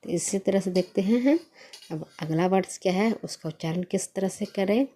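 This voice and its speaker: A woman's voice: mid-range voice, moderate pace, warm tone. A young woman teaching a basic English reading lesson, who asks a question and then answers it herself, patiently spelling out each word.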